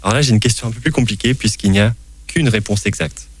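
A man's voice: lowish voice, quick pace, husky. A man hosting a science talk show, explaining botany with a playful quizmaster manner. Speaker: science podcast host. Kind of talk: science chat with quiz.

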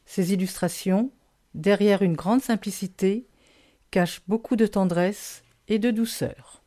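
A woman reading a children's picture book aloud, gentle and expressive, with a lively storytelling emphasis. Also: mid-range voice, a little slow.

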